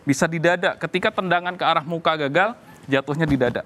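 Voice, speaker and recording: Patient taekwondo instructor, hesitant. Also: male voice, on the high side, fast, fairly bright tone, slight background noise. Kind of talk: demonstrating and explaining. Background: background music.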